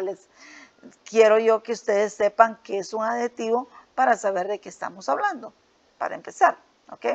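A woman teaching English grammar to school students, explaining a worksheet step by step and checking in often with "ok?" and "right?". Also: a little high. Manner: patient, repeats "¿ok?" and "¿verdad?" often. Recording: dull lo-fi sound.

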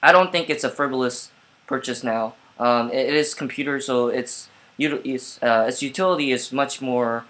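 Bright-voiced man rambling on a webcam. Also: medium pitch, normal speed. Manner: rambling, lots of fillers and restarts. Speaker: vlogger. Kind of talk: casual vlog storytelling. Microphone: laptop webcam.

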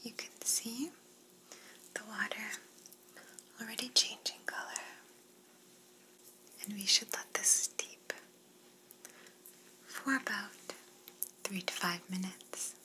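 A woman's voice: mid-range voice, slow pace, pauses often, lightly acted, rough recording. A young woman playing an attentive, courteous flight attendant in a whispered role-play, speaking politely as she offers service. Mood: courteous, soothing. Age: young adult.

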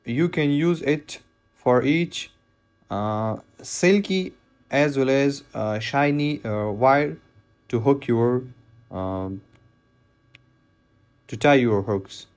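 Slow-talking man explaining knot tying. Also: medium pitch, expressive, a little mellow. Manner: plain, repetitive step-by-step instructions with non-native phrasing. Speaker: fishing knot instructor. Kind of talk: hands-on tutorial voice-over.

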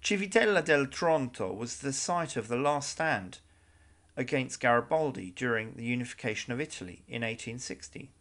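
Male narrator for a travel guide video, measured delivery with wry asides, mid-range voice. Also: mid-range voice, animated, a bit bright.

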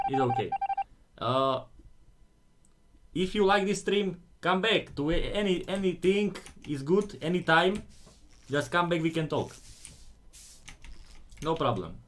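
Gaming live from a room at home, a thirtysomething man with a Slovak accent banters playfully with viewers in broken English over a headset mic. His voice is fairly high and animated, yet unhurried, with long pauses.

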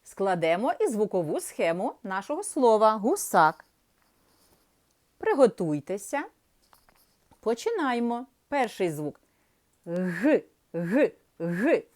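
A woman teaching young children to read, speaking slowly and drawing out each sound in a sing-song way. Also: mid-range voice, big pitch swings, darkish tone. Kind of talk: primary school literacy lesson.

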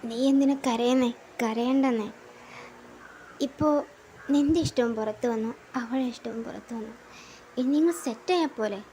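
A woman voicing a calm, sly young man friend who talks in a measured, soothing way in a fan audio drama. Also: a little hiss or hum, natural voice. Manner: measured, soothing, low and steady.

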